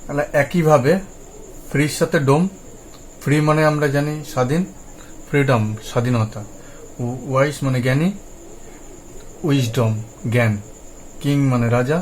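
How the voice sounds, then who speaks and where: A man teaching English pronunciation and word meanings, patiently repeating words for practice in a slow drill. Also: mid-range voice, a little mellow, slight background noise, low-quality recording. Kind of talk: Bengali-language lesson, spoken explanation.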